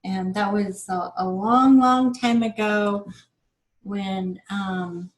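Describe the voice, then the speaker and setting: A woman co-hosting a casual self-growth chat, reflective, with many pauses and fillers. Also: medium pitch, fairly even intonation, low-quality recording. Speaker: co-host.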